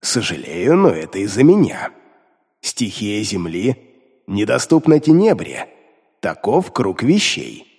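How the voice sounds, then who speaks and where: A man voicing a contemptuous male demon who speaks inside the hero's head, slow, grumbling and scornful. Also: on the low side, wildly swooping pitch, darkish tone, breathy edge, voice pushed down, exaggerated voice. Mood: matter-of-fact. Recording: long reverb.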